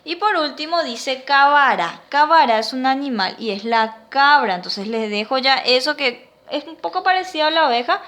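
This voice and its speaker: Teacher, woman, Paraguayan Spanish accent, high voice, patient and slow, breaks words into syllables. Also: fairly bright tone. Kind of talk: classroom lesson, slow dictation.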